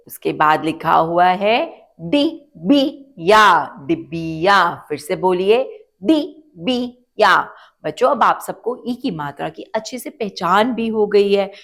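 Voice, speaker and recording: A woman teacher giving a children's phonics lesson, stretching out syllables and asking the kids to repeat words. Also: mid-range voice. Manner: slow, drawn-out syllables, asks children to repeat.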